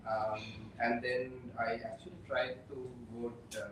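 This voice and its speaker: This election observer and program officer from Sri Lanka speaks at medium pitch with a flat delivery, halting through many fillers, pauses and restarts as he chats on a panel. He shares an indoor table with other guests, recorded on a distant mic in an echoey room with background noise.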